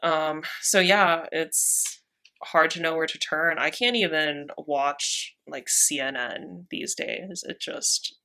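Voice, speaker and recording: A woman's voice: sits low, slow, bright, forceful tone. A young woman in her twenties, co-hosting a podcast in casual chat, wry and sarcastic, a little tipsy. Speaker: podcast co-host.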